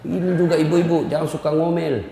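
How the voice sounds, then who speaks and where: A man's voice: fairly high pitch, steady tone, fairly quick, creaky, noisy background. A middle-aged man preaching a humorous sermon, teasing and addressing his audience directly. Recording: echoey hall with long reverb.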